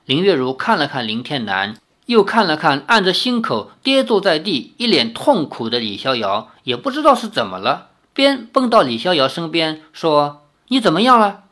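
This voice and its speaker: A man reading a martial arts novel aloud with expressive, dramatic storytelling. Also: fairly high pitch, moderate pace, few pauses. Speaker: reader.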